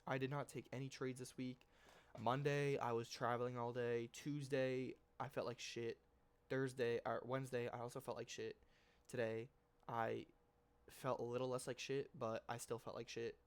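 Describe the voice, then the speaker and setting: A trading channel host, congested from a cold, recaps his trades on a casual screen share in a flat, clean-toned, mid-range voice at moderate pace. He rambles loosely in slang, corrects himself often, and swears a little.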